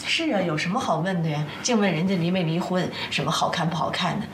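An actress playing an outspoken younger sister in a screen drama, talking in a blunt, chiding way. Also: female voice, fairly low pitch, fast talker, close to an everyday voice. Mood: impatient. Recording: echoey room, very noisy background.

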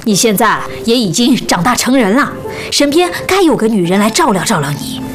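An actress playing a brash, bossy, protective older sworn sister in a costume drama, blunt and exclamatory. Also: female voice, fairly high pitch, very animated, a little fast. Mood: bossy, coaxing. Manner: blunt, loud-mouthed, exclamatory. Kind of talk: Chinese costume television drama acting. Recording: music behind dialogue.

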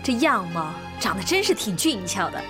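An actress playing a brash, bossy sworn elder sister in a period drama, blunt and exclamatory, over background music. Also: female voice, medium pitch, big pitch swings, normal speed, natural voice. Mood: bossy, coaxing. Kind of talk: Chinese period television drama acting.

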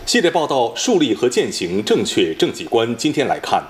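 A man reading scripted television news as an anchor in standard mainland Mandarin, in a formal, measured way with precise enunciation. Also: medium pitch, very animated.

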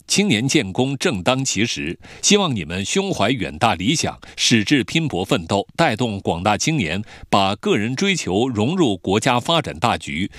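A man with a standard mainland Mandarin accent narrating a scripted news report in a solemn, emphatic, measured way. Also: mid-range voice, a bit bright, dry recording, studio quality. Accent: standard mainland Chinese Mandarin.

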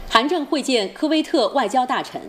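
A woman's voice: sits high, lively intonation, moderate pace, a bit bright. A woman with a standard mainland Mandarin accent reading headlines as a formal, precise news anchor. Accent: standard mainland Chinese Mandarin.

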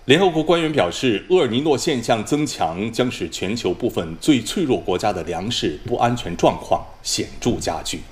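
A man reading scripted news as a formal Chinese news anchor, solemn and measured, in precisely enunciated standard mainland Mandarin. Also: mid-range voice, lively intonation.

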